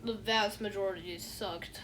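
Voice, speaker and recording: Faint music plays behind a woman whose medium-pitched voice stays steady, unhurried, and a bit bright. As an online reviewer, she rambles casually and dismissively, leaning on fillers and repeating "you know what I'm saying."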